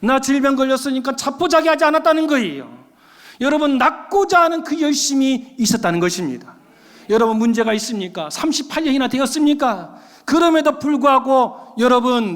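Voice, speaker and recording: High-voiced preacher in a reverberant church. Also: male voice, fairly bright tone. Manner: emphatic preaching, calling out to the congregation. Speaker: pastor. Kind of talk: sermon. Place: church sanctuary. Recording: long church hall reverb.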